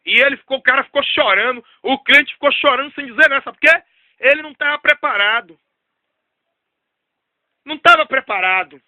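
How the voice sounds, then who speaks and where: A man preaching a sermon, telling a story and repeating key phrases while dropping low for emphasis. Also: brisk, pauses often, bright, forceful tone, dry recording, dull audio.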